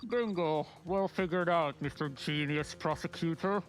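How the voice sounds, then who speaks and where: A man voicing a teasing mystery caller whose voice is disguised with a deep, pitch-shifted voice changer. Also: a little slow, faint music behind. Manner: smug, teasing. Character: mocking mystery caller hiding behind a voice changer. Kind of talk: voicing a game character.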